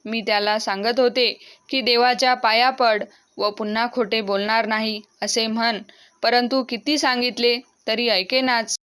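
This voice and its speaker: A woman's voice: a little high, steady tone, measured pace, fairly bright tone, clear, resonant tone. A woman voicing a loving but firm village mother who scolds her son, in a storybook reading. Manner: firm, admonishing.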